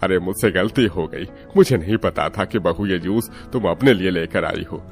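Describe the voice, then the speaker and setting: A deep, gravelly older father-in-law from an animated village story, mild and apologetic in manner, as a man voices him. His low voice sounds worn, as if he would rather keep the peace than argue. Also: normal speed, faint music behind. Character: older male father-in-law, humble and gentle. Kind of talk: cartoon story voice acting.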